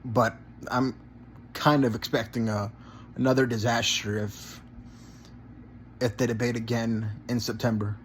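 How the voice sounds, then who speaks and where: A man's voice: mid-range voice, level tone, a little slow, pauses often, a little hiss or hum. A man giving a casual reaction commentary, rambling and repeating himself, often ending phrases with "man" and swearing. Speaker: gaming channel commentator.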